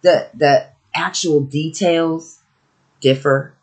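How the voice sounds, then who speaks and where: A woman's voice: deep voice, fairly even intonation, slow. A woman co-hosting a casual spiritual podcast chat, giggly and casually profane. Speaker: podcast co-host.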